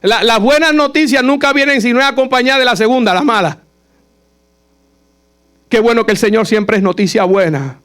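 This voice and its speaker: A man's voice: extremely high pitch, moderate pace, long pauses, a bit bright, smooth. A man preaching at a Bible study, earnest and emphatic, repeating phrases to drive each point home. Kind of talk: sermon.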